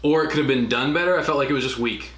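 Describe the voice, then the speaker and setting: A man chatting casually and excitedly as host of a group review, rambling as he goes. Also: mid-range voice, very fast. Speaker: host of a drunk movie review show. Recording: echoey room with clear background hiss.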